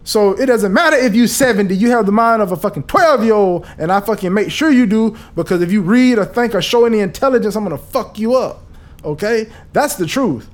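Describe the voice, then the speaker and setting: A man hosting a podcast, talking in a casual, profane and animated monologue. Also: high-pitched, a little fast. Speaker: podcast host.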